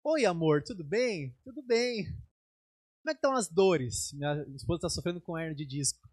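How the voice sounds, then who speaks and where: Husky Brazilian bishop telling a testimony. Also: male voice, moderate pace, dry recording, clean studio sound. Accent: Brazilian Portuguese. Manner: animated storytelling, acts out dialogue in raised pitch. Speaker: bishop preaching. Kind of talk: sermon testimony.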